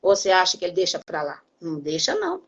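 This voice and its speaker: A woman's voice: on the low side, wildly swooping pitch, fast, lo-fi sound. An older woman pastor with a Brazilian Portuguese accent, preaching earnestly on a broadcast program and calling her listeners brother.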